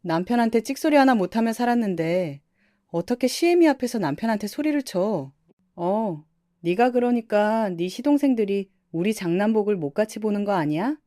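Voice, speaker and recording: A woman's voice: mid-range voice, animated, normal speed, warm tone, dry recording, clean studio sound, lightly acted. A woman voicing an older mother-in-law who scolds her daughter-in-law and dotes on her eldest son. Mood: scolding.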